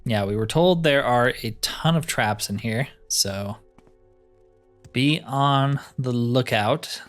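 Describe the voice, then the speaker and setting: A man hosts a game roleplay series, giving casual, informal let's play commentary and thinking aloud as he plays. His voice is medium in pitch and slow, with music behind it.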